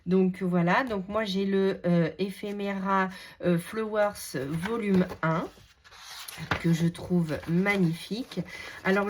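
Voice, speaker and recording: A woman hosting a craft channel, leafing through her collection in a casual, hesitant way with many fillers and enthusiastic repeats. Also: medium pitch. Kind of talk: casual product show-and-tell.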